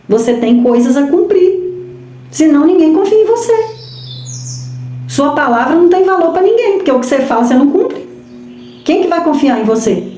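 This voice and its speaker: A woman's voice: sits high, dark tone, slight background noise. Emphatic Brazilian woman preaching in an echoey room. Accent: Brazilian Portuguese. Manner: emphatic, with rhetorical questions to the audience. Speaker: women's ministry speaker. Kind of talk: sermon on marriage and parenting.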